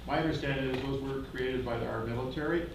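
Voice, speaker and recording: A man's voice: medium pitch, steady tone, fast. A man taking part in a class, commenting casually. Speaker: class participant. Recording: very echoey, distant mic, clear noise.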